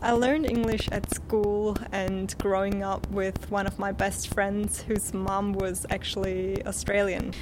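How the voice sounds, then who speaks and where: A young woman who grew up in Switzerland, with Spanish and Swiss German as her first languages, talks about her life in a bright, chatty interview manner. Her pitch sits in the middle, and she laughs often. Faint noise hums behind her. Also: level tone, slow, hardly any pauses. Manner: chatty, upbeat, laughs often, many "like" fillers. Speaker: podcast guest. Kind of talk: casual interview answers.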